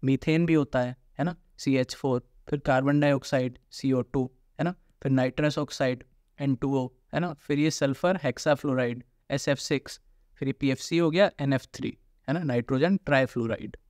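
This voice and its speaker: Male coaching teacher, mid-pitched, casual explanatory delivery, dry close mic. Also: normal speed, darkish tone, no room sound. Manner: informal, repeats tag questions, mixes English terms.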